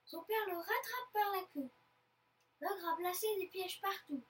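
A woman reading a children's story aloud, lively and expressive. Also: extremely high pitch, a little slow, distant mic.

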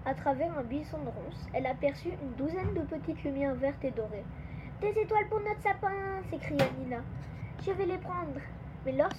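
A woman reading a children's Christmas story aloud in a gentle, expressive storytelling manner. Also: sits high. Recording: dull lo-fi with clear background noise.

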